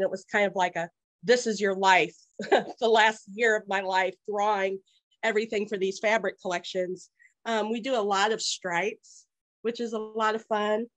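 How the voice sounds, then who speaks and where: A woman's voice: mid-range voice, no echo. A woman fabric designer presenting her collections in a chatty, enthusiastic way with many fillers, speaking over a video call. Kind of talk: casual product presentation.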